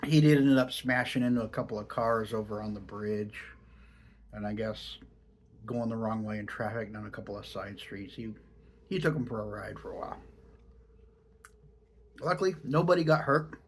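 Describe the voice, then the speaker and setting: This American vlogger reviews dipping tobacco, and his lowish voice is a bit muffled by the dip in his lip. He rambles to camera in a folksy, casual way from Oregon, at a normal pace with frequent pauses and a little background noise.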